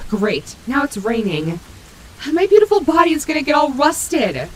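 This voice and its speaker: A woman's voice: high voice, sing-song, measured pace, poor audio. A woman playing a female animatronic wolf in an audio roleplay, vain and sassy but protective and maternal, talking casually. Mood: vain, annoyed. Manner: sassy, casual, swearing, muttering asides to herself. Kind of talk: character audio roleplay, speaking to listener. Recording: heavy rain and thunder noise behind. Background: rainstorm sound effects.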